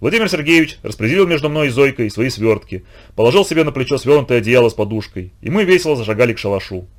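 Brief: male storybook narrator, lively rising and falling delivery, mid-pitched voice. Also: quick pace.

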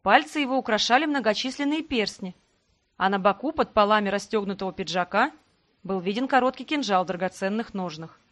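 A woman narrating a first-person fantasy novel in a calm, even storytelling manner. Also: mid-range voice, brisk. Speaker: audiobook narrator.

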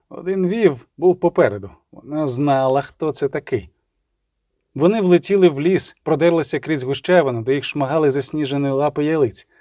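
A man reading an audiobook in a steady, measured dramatic manner. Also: fairly high pitch, dry recording, studio quality. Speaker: audiobook narrator. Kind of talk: scripted audiobook narration.

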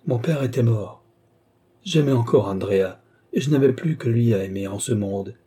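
A grieving young woman, voiced by a male audiobook reader, confides her past. The tone is mellow and soft-edged, with a husky grain. The reading stays measured and confessional throughout. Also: medium pitch, close to an everyday voice. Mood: remorseful.

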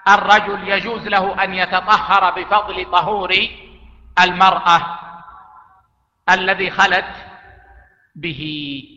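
A man teaching an Islamic jurisprudence lesson, speaking deliberately and repeating key phrases for emphasis. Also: sits high, pushed and bright. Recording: echoey lo-fi hall recording.

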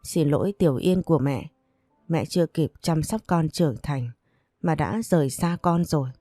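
A woman's voice: low voice, moderate pace, warm tone, no echo, studio quality, soft background music. A woman voicing a desperate young mother in a storybook reading, pleading and tearful. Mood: dying tender.

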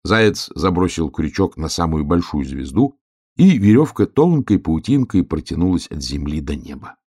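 Deep, gravelly male storyteller. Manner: expressive, measured storytelling. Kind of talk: children's story reading.

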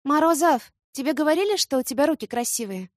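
Woman voicing a bold young heroine, teasing, mocking, high-pitched, swooping intonation. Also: lively intonation, quick pace, no room sound, studio quality.

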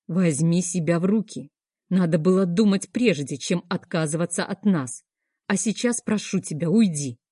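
A woman's voice: fairly low pitch, moderate pace, dark tone, slightly rough, no echo, studio quality. A woman reading an audiobook voices a stern grown man who gives curt, firm orders.

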